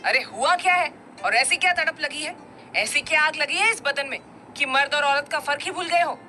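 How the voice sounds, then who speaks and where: A woman's voice: moderate pace, pushed and bright, slight background noise. A woman voicing a stern, hot-tempered young man with a heavy voice who scolds his younger brother. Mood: angry. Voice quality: heavy deep-toned voice.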